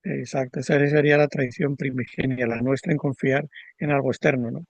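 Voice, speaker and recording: A man talks through ideas in a calm, measured interview voice, often pausing to repeat himself and check in with a quick tag question. His voice sits in an ordinary middle range. The recording is dry and close, with almost no room sound. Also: mid-range voice, creaky, no room sound. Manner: measured, repeats words and tags "¿no?". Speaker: astrologer. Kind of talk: reflective explanatory conversation.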